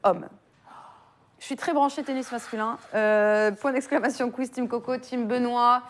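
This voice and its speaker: A woman hosting a live sports betting stream, brisk and upbeat as she reads promotions and runs a quiz. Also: a little high, fairly even intonation. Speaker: host. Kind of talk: live betting show presenting.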